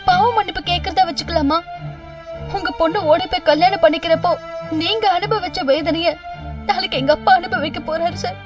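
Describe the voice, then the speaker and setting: Dutiful woman in her thirties, respectful, pleading, very high pitch, background score. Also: fairly quick, music in the background. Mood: earnest. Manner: pleading, respectful, repeatedly says "sir". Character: unmarried woman, earnest, dutiful to her family. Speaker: lead character in a TV serial. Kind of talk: television serial acting. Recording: distant dull TV audio with background score.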